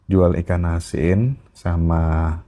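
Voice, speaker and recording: A man's voice: deep voice, steady tone, slow, dark tone. A man hosting an interview, asking reflective questions and encouraging his guest with frequent listening sounds. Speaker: podcast host. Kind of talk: interview questions, casual chat.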